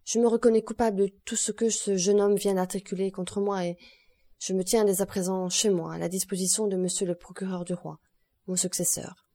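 A woman voicing a broken male prosecutor confessing gravely in a strangled voice. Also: mid-range voice, steady tone, fairly quick, warm tone, lightly acted.

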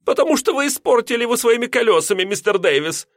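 A man voicing a fussy, proper middle-aged landlady who scolds in a shrill, exclamatory voice. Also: expressive, normal speed, a bit bright, no echo, studio quality. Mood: scolding.

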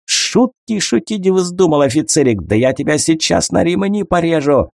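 A man's voice: mid-range voice, lively intonation, a little slow, gravelly, a little mellow, breathy edge, no room sound, clean studio sound, full character voice. A male audiobook reader voicing a brutal, cowardly male gang leader who snarls threats, shrieks and pleads. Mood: threatening.

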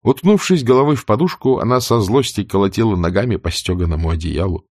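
A man narrating a classic novel as an audiobook, in a theatrical, expressive way. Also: fairly low pitch, fast talker, no room sound, studio quality. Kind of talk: scripted narration.

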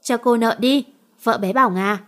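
A woman reading the lines of a calm young man who teases dryly. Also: fairly high pitch, moderate pace, lightly acted. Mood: teasing. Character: young man, teasing, calm company director.

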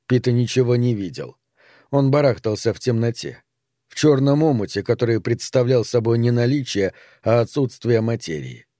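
A man reading an audiobook in a measured storytelling manner. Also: mid-range voice, expressive, mellow, no echo, studio quality. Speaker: narrator. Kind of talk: audiobook narration.

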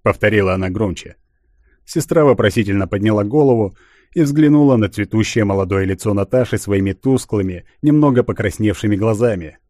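A man reading a literary audiobook in a measured, even way. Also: fairly low pitch, no room sound, clean studio sound. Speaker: audiobook narrator.

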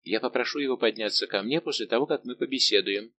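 A man's voice: mid-range voice, quick pace, pushed and bright, lightly acted. A male reader voicing a young lady-in-waiting who teases and asks mocking, pointed questions, in an audiobook. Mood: teasing. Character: young female lady-in-waiting, teasing and sharp.

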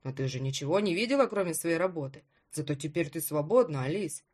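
A woman's voice: sits low, animated, fast talker, a little mellow, husky, voice pushed down. A woman voicing a cold, smug husband. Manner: curt, cold, dismissive.

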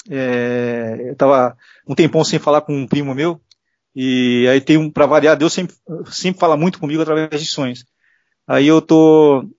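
In casual interview testimony, a middle-aged Brazilian man tells earnest personal stories and mimics the voices he quotes, speaking with a Brazilian Portuguese accent. His voice is on the high side with a darkish tone, and the recording sounds dull, lo-fi and dry, without room sound.

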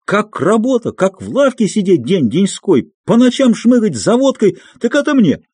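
A man reading an audiobook and voicing a furious young peasant woman who shouts and scolds. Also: medium pitch, very animated, fast, no echo.

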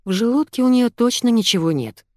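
A woman's voice: fairly high pitch, lively intonation, a little fast, no echo, studio quality, pitched above the performer's own voice, natural voice. A woman voicing a frank woman friend who sighs wearily. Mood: weary. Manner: sighing.

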